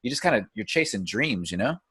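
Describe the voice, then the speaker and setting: A man's voice: fairly low pitch, sing-song, fast, fairly bright tone, breathy edge. A man born in New York and raised in Atlanta, chatting as a podcast guest, friendly, stammering and repeating words. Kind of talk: casual podcast chat.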